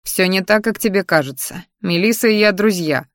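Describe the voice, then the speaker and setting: A woman's voice: medium pitch, moderate pace, dry recording, clean studio sound, natural voice. A woman voicing a protective young man who speaks curtly and growls when flustered. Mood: exasperated. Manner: growling, curt.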